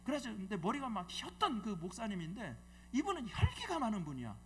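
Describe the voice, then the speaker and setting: A man's voice: high voice, wildly swooping pitch, quick pace, fairly bright tone, a little hiss or hum. A middle-aged man preaching a revival sermon in a church, telling a story in a colloquial, joking way and quizzing the congregation with questions. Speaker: guest preacher, bishop. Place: church sanctuary.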